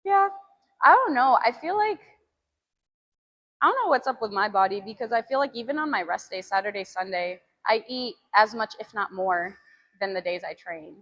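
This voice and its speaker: A woman's voice: mid-range voice, lively intonation, moderate pace, a bit bright. A young woman from the United States chatting casually with her live-stream viewers about training and diet, rambling with lots of fillers. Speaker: fitness streamer.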